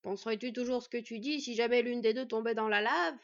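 A woman voicing a gruff, hearty male dwarf blacksmith who talks loud and booming, in a storybook reading. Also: lively intonation, normal speed. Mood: booming, jovial. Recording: dull lo-fi recording.

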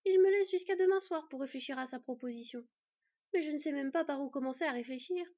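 A woman reading a storybook, voicing a sad, tearful young fox girl in a higher voice. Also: quick pace. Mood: downcast. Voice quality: soft, sniffling. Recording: dull lo-fi dry recording.

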